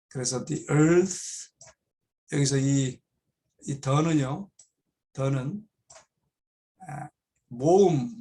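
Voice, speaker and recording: Slow, gravelly male Bible teacher. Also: fairly high pitch, a little mellow. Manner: reads English phrases slowly, then explains them in Korean; repeats key words for emphasis. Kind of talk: explaining an English text line by line.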